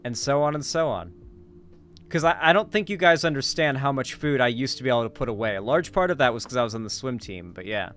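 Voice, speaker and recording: A man's voice: mid-range voice, fast talker, fairly bright tone. Guy streaming, just rambling casually and swearing, music playing behind him. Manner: rambling, informal, profane. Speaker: livestream host. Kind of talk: casual livestream chat and reaction commentary.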